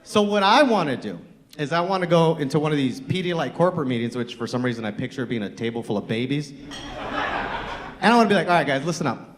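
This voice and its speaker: A man's voice: on the high side, expressive, fairly quick. A man doing a stand-up comedy set in a comedy club, teasing the crowd with crude banter. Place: comedy club stage with live audience.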